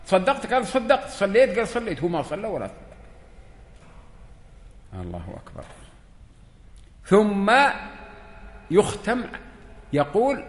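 A man's voice: sits high, wildly swooping pitch, unhurried, long pauses. A man, giving a religious lesson and putting questions to his listeners. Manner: questions the listeners, acts out dialogues. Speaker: religious teacher. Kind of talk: lesson to a seated audience. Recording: echoey hall.

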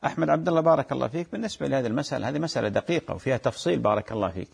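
A man, a sheikh reading listeners' questions and giving measured religious advice, turning emphatic when he warns. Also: mid-range voice, creaky, breathy edge. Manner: calm, measured, advising, grows emphatic when warning. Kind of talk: reading and answering fatwa questions.

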